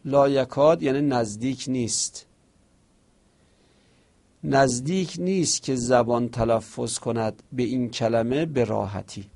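A man teaching a seminary lesson. He reads Arabic lines slowly from the book and then explains them in casual speech. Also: medium pitch, gravelly, a little mellow. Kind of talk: classroom lecture reading and explaining an Arabic text.

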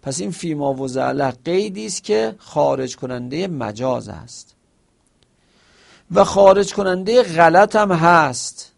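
A man's voice: fairly high pitch, expressive, creaky. A man teaching a seminary lesson. He explains with examples, asks himself questions and quotes short Arabic phrases. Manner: quotes Arabic phrases within Persian speech.

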